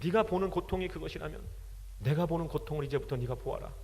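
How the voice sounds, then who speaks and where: A preacher voicing a grave, reproachful Jesus. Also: male voice, on the high side, quick pace, warm tone, close to an everyday voice. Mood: grave rebuke. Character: sorrowful rebuking Jesus, male, vast and solemn. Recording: long hall reverb.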